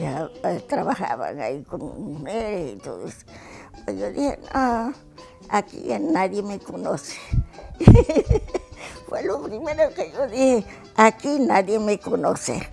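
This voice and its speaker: A woman over a hundred and ten years old, reminiscing in a halting way, often repeating words. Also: medium pitch, sing-song, vocal fry, mellow, soft background music. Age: 110s. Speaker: interviewee. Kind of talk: reminiscing interview.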